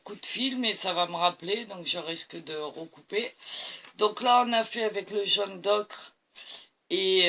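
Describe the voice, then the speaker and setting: A woman's voice: lowish voice, sharp tone. A tired woman hosting a painting tutorial, talking to camera as she mixes colors and keeps praising them. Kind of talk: art demonstration talk to camera.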